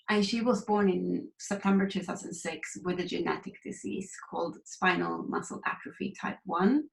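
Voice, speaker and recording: A woman's voice: medium pitch, vocal fry, a bit bright, roomy sound, low-quality recording. A woman from Sweden, a grief recovery coach, telling her story candidly and reflectively as an interview guest. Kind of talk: conversational interview.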